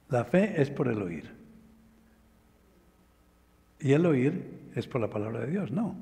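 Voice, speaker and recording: A man preaching a sermon who tells a story emphatically and slows down to stress key phrases. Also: medium pitch, dark tone. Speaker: pastor. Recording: reverberant hall sound.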